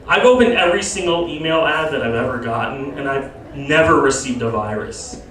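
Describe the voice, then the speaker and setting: A man in his thirties doing a stand-up comedy set, with deadpan asides and sudden high-pitched voices when he quotes people. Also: fairly quick, a little hiss or hum. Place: comedy lounge. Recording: very echoey room, from far off. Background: audience laughter.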